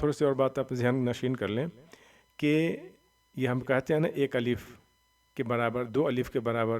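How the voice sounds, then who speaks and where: A man teaching Quran reading, spelling out letters slowly and loudly and then explaining quickly and softly, often checking "theek hai?". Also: medium pitch, recorded from a distance. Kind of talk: slow step-by-step recitation lesson.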